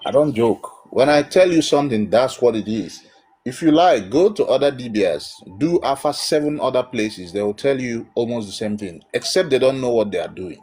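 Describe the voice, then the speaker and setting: A man's voice: mid-range voice, animated, normal speed, a little mellow, slightly rough. A man giving emphatic, blunt spiritual counsel as host of a live call-in.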